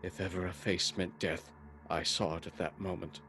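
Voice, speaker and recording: An actor playing an earnest, haunted doctor who narrates gothic horror in a measured, dramatic radio-play style. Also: male voice, deep voice, flat delivery, pushed and bright. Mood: tense, haunted. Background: music.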